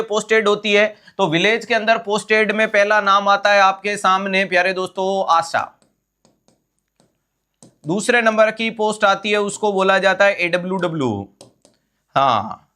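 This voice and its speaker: This online exam-prep lecture comes from a man with a sharp, high-pitched voice teaching a live nursing class. He breaks things down step by step, goes over key terms again, and makes sure his students keep up.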